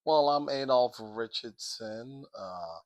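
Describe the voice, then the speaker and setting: Middle-aged man from the Caribbean, interview guest, unhurried and low, close dry mic. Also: lively intonation, a little mellow, dry recording. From Sint Maarten, Dutch Caribbean. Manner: slow, measured, with frequent ums. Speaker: interview guest, math teacher. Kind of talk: casual interview.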